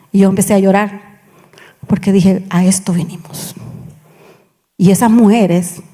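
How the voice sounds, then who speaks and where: A woman pastor telling her own story in a sermon, acting out the dialogue as she goes. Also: mid-range voice. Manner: animated storytelling, acts out quoted dialogue. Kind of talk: sermon testimony. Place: church hall. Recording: reverberant church hall.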